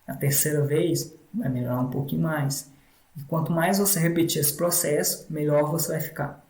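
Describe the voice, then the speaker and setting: A man's voice: a little high, steady tone, normal speed, a little mellow, echoey room, rough recording. A man with a Brazilian Portuguese accent teaching a step-by-step language tutorial. He is instructive and repetitive, and often adds question tags. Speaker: English teacher.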